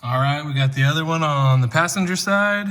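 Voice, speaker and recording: A man's voice: a little high, fairly quick, a bit bright, big-room sound. A man casually explaining car work step by step as a DIY vlogger, chatty with dry joking asides. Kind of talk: casual how-to narration. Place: home garage.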